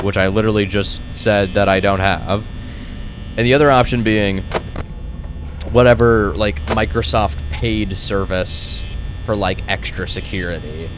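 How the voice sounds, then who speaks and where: A young adult man giving casual, rambling commentary as he hosts a gaming video, telling stories in an exasperated way and acting out exchanges. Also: lowish voice. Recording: clearly noisy, steady background hum.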